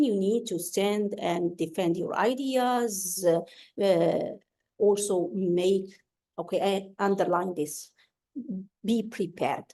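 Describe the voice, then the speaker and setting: A woman's voice: mid-range voice, darkish tone. A woman whose first language is Arabic, giving English-speaking tips to students over a video call, hesitant with many fillers and restarts.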